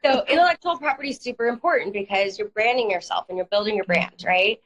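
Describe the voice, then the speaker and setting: A woman lawyer with a cold appears as a guest in a live online interview, explaining legal matters plainly with hedging fillers and clearing her throat. Her voice is fairly high and a bit bright, and she talks fast. The online video stream sounds muffled.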